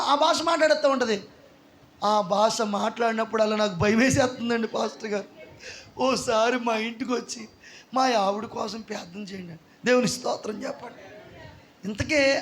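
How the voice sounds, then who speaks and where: A man preaching a revival sermon, often shouting praise calls to the congregation and acting out the people in his stories. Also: very high-pitched. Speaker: pastor.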